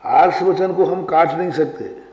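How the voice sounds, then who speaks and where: A man, a monk, teaching Sanskrit grammar to a class, quizzing students and chanting rules slowly. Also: on the high side. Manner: questions the class and recites rules in slow chant. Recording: dull, roomy hall recording.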